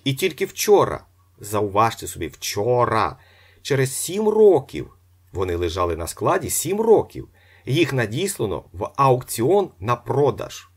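A brash, cunning young swindler, voiced by a man reading an audiobook. He talks in a commanding, theatrical way with a husky edge and lively swings in pitch. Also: moderate pace, exaggerated voice. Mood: emphatic. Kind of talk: audiobook character voice.

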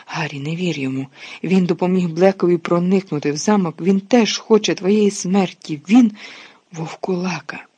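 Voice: moderate pace, dark tone, breathy edge, muffled recording, natural voice. A narrator reading an audiobook, voicing a frantic, clever teenage schoolgirl who shrieks her lines. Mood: accusing. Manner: shrill, shrieking.

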